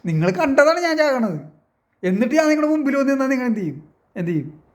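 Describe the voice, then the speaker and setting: A man's voice: very high-pitched, big pitch swings, fast talker. A man talking casually to his viewers in a long monologue, telling a story and asking again and again whether they understand. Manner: rhetorical, keeps asking if listeners understand; storytelling, poses and answers his own questions. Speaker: online commentator.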